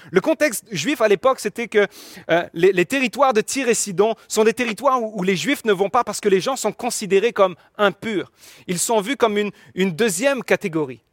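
A man's voice: sits high, fairly bright tone, dry recording, studio quality. A man preaching a sermon, explaining earnestly and often restarting his phrases.

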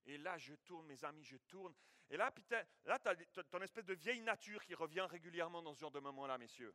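Bright, high-voiced man preaching a sermon. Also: fairly quick, no echo. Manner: animated storytelling with spoken sound effects; frequent restarts and repeated words. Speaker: pastor. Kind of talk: sermon with a personal anecdote.

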